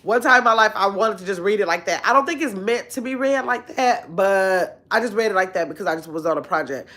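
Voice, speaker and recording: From indoors in her own bedroom, a fifty-something livestream host chats away and reads out what viewers are commenting. Her voice sits in the middle range, lively and talkative, with long stretched exclamations, captured by a phone she holds close at arm's length.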